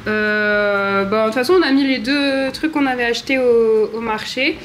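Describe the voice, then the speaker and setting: A woman's voice: fairly high pitch, normal speed, slight background noise. A young woman chatting casually to camera in her apartment, rambling with self-mocking asides. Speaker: vlogger. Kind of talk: casual home vlog. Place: apartment living room.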